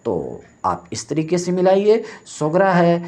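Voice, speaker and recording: A man's voice: high voice, big pitch swings, darkish tone. A male religious teacher giving a classroom lecture on logic, explaining step by step, asking check-in questions and reciting textbook lines in Arabic.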